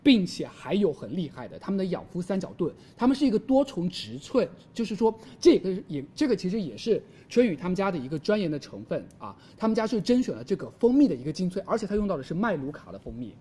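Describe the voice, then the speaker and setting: A woman hosting a live shopping stream, giving an emphatic hard-sell product pitch and repeating her selling phrases. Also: sing-song, fast, hardly any pauses, warm tone, husky.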